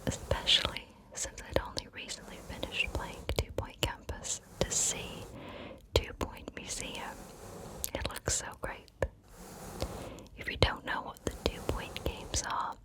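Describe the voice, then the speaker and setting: Female ASMR host, unhurried breathy whisper, close ear-to-ear mic, gentle casual chat. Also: low-quality recording. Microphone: close microphone, ear to ear.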